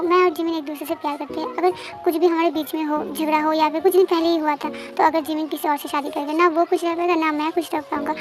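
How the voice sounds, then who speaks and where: Fan drama: woman doing a soft-spoken pleading sibling, music bed. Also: very high-pitched. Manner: soft, coaxing pleas. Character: caring sibling pleading gently for reconciliation.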